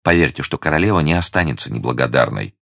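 Male narrator playing a fearful, secretive young woman: hushed, hesitant, quiet, dry booth. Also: extremely low pitch, lively intonation, quick pace, creaky, no echo, full character voice. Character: young woman, anxious secretive lady in danger.

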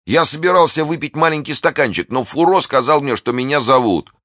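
A timid servant babbles in fear, well above a man's usual pitch, as a man reading the story puts him on. The voice trembles with nerves, dry and close. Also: expressive, fairly quick, a bit bright, no echo. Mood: frightened. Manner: fearful, babbling. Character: frightened male servant, timid. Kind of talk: audiobook character voice.

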